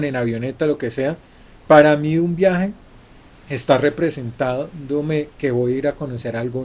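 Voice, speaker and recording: A middle-aged Colombian journalist with a Colombian Spanish accent, telling stories in an interview, often restarting and repeating words. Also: male voice, medium pitch, darkish tone. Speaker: journalist guest. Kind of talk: conversational storytelling interview.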